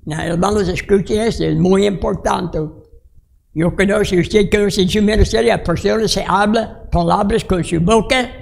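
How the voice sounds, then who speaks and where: A man in his sixties, a pastor from the United States, preaching a storytelling sermon in halting, broken phrases full of restarts. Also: high-pitched, steady tone, vocal fry. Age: 60s.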